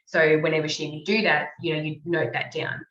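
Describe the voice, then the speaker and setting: A woman hosting a casual motivational talk, rambling with many fillers and self-corrections, clearing her throat now and then. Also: low voice, fairly even intonation, brisk, dull audio, background noise. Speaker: host. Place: call or online meeting.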